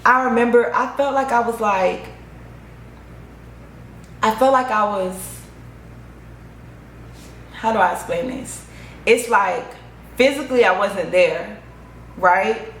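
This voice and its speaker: A young woman telling a personal story in a casual, animated, profane vlog monologue. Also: medium pitch, takes it slowly, pauses often, a little hiss or hum. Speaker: vlogger. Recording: echoey room, faint ambience.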